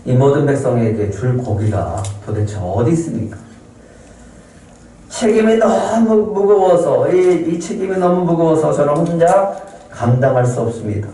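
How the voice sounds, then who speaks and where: A man's voice: animated, normal speed, dark tone. A male pastor preaching a Sunday sermon, earnestly acting out prayers and the words of biblical figures. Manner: earnest preaching, acts out prayers with rising pitch. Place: small church sanctuary. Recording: roomy church sound from a distant mic.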